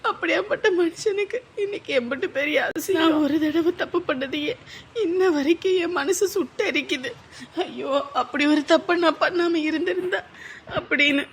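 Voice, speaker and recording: Tearful young wife, very high quavering voice, faint background noise. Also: female voice, normal speed. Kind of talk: TV drama acting.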